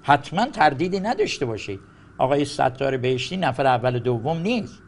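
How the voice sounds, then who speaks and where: A man speaking as a guest commentator on a political panel, emphatic and argumentative, dropping his voice low on his conclusions. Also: sing-song, vocal fry.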